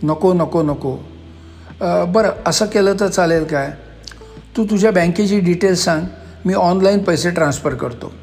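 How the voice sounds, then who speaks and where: A man's voice: high voice, normal speed, a little mellow, soft background music. A man voicing a flustered middle-aged male manager who talks agitated and insistent.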